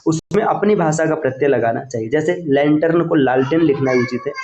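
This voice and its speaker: A man with a fairly high voice giving a patient exam-prep lecture, sounding out each example word slowly and checking in with his listeners. The room rings with a noticeable echo. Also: darkish tone, muffled recording, a little hiss or hum. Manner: patient, repeats words aloud with "है ना" checks. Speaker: teacher. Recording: echoey room.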